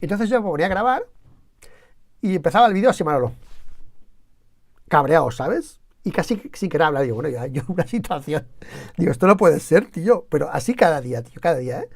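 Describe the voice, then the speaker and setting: A Spaniard talks loosely on his channel's live stream, rambling story to story and full of slang. His voice is gravelly, with some fry at mid pitch, and the sound is dry and close. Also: expressive, fast, pauses often, dry recording. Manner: rambling, slangy, tells anecdotes with quoted shouting. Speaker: YouTube channel co-host. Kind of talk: casual live-stream chat.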